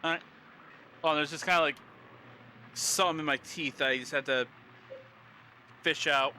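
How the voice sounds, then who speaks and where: A man casually chatting while playing a horror game on a live stream, rambling with lots of fillers and reading in-game text aloud haltingly. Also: a little high, steady tone, sharp tone, a little hiss or hum.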